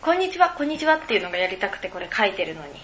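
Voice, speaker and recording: A woman's voice: medium pitch, very animated, rapid-fire, a bit bright, roomy sound, a little hiss or hum. A woman hosting a casual podcast alone, reading listener mail and rambling with frequent giggles as she thinks aloud. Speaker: podcast co-host. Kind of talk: casual solo podcast chat.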